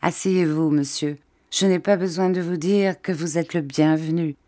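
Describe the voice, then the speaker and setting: A woman's voice: sits low, fairly even intonation, moderate pace, dark tone, natural voice. A woman voicing a cheerful, cordial old fisherman who talks with open enthusiasm. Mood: hearty.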